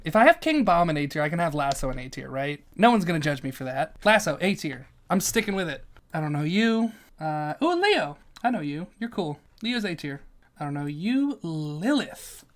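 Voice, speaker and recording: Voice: mid-range voice, big pitch swings, normal speed. Jokey YouTuber talking through a tier list. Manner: chatty and jokey, muttering to self, swearing; swings between loud outbursts and quiet asides. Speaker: YouTuber ranking characters. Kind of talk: casual tier-list commentary.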